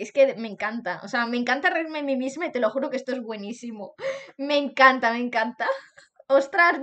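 Bubbly high-voiced Spanish woman streamer. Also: fairly bright tone. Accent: Spanish, from Spain. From Spain. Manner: bubbly, laughs often, repeats phrases, sing-song outbursts. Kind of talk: live stream chat, reacting to fan art.

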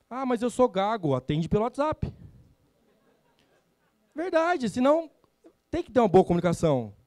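A Brazilian man with a high, bright-sitting voice delivers a motivational sales talk on stage. He talks in a blunt, slangy way and acts out little dialogues with customers. The sound is dry and close, with little room echo. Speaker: sales trainer speaking at a summit. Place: event stage.

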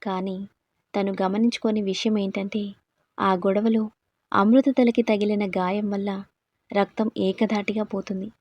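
Mellow woman narrating a dramatic story. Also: mid-range voice, flat delivery, measured pace, pauses often, no room sound. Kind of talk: scripted narration.

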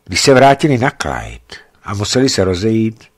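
A man with a low voice narrates a novel in a measured, expressive way. His pitch moves animatedly through the sentences, giving the reading plenty of life. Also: breathy edge, no echo. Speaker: reader.

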